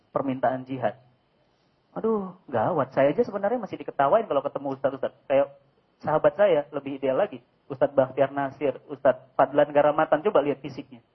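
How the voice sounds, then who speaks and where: Husky animated male preacher, lo-fi. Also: on the high side. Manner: animated, joking, asks rhetorical questions. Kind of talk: lively sermon. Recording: dull lo-fi recording.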